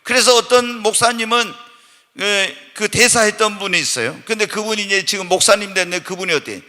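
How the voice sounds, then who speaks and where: A pastor preaching a Wednesday night church sermon, animated and full of rhetorical questions put to the congregation, sometimes bursting into loud shouted emphasis. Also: male voice, high-pitched, a little fast. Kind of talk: Korean evening church sermon. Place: church sanctuary during a Wednesday night service. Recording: long church-hall reverb.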